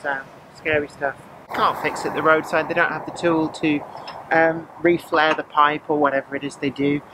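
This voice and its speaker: A woman's voice: low-pitched, level tone, moderate pace, background noise. Matter-of-fact, tired woman. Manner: matter-of-fact, plain explaining. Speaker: driver, co-host. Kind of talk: casual explanation. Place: outdoors at a roadside car park.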